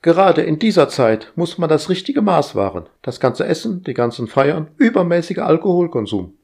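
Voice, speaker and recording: A shrill, pedantic household AI woman who lectures and scolds everyone around her, voiced by a male reader. She sounds primly fussy and takes every word literally, in a storybook reading with her pitch pushed well up. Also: very animated, moderate pace, gravelly, a little mellow, breathy edge, full character voice. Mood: prim scolding.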